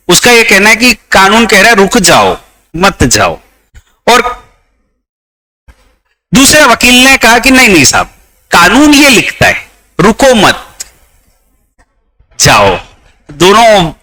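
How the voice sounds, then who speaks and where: A man's voice: very high voice, bright, forceful tone, low-quality recording. A man with an Indian accent teaching a class, explaining law through examples and switching between Hindi and English. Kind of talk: classroom lecture.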